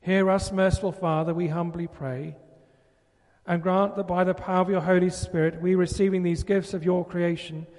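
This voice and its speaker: Priest, male, measured liturgical delivery; slightly raised pitch, long cathedral reverb. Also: flat delivery, darkish tone. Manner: measured, formal liturgical recitation. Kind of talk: leading a Eucharistic prayer. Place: large church. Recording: long reverb in a large church.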